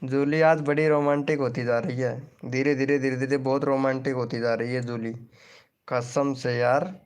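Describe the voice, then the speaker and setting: A man's voice: medium pitch, flat delivery, clean tone. A man hosting a live stream in casual chat, teasing viewers and reading their comments aloud. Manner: slow, teasing, chatty banter with viewers.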